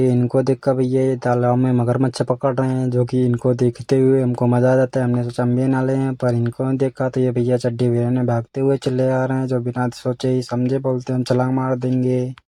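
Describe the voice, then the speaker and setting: Flat-voiced man narrating a vlog. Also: mid-range voice, dry recording. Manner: flat storytelling, rural Hindi phrasing, repeats "bhaiya" often. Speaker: vlogger.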